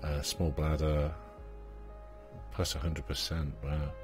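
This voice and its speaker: A man with an extremely deep, low voice talks his way through a game in a loose, rambling style. He fills his pauses with ums and uhs and chats to his on-screen characters. Quiet game music plays faintly under him. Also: little pitch movement. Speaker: gaming channel host. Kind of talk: let's play commentary.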